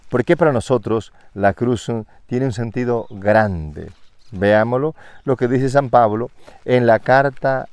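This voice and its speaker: Male preacher, medium pitch, dry recording. Emphatic sermon delivery with rhetorical questions. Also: darkish tone, clear, resonant tone, no echo. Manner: emphatic, rising on scripture readings, rhetorical questions.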